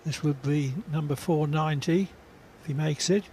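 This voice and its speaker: A male snooker commentator with a fairly high voice and a strong creak. He speaks in an informative, unhurried way, with faint noise behind him. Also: steady tone, darkish tone. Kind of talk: sports commentary.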